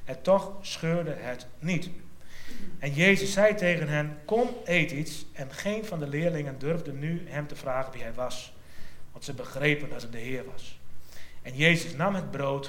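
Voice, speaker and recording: Guy preaching, storytelling sermon, bit high voice, echoey room. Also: a little slow, slight background noise. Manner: storytelling, drops to a hush then lifts for quoted lines. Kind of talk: sermon retelling a Bible passage.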